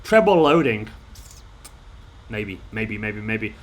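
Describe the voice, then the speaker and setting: A man hosting a late-night live stream, chatting excitably and bantering with viewers while reading their comments out, sounding tired. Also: lowish voice, takes it slowly, slight background noise.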